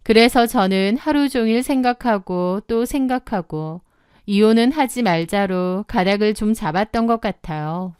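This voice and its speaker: A woman's voice: medium pitch, normal speed, smooth, no room sound, studio quality. A woman reading a first-person confessional story aloud in a dramatic, scripted way, throwing herself into the quoted outbursts. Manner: dramatic confessional telling, bursting into loud acted shouts. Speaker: story narrator.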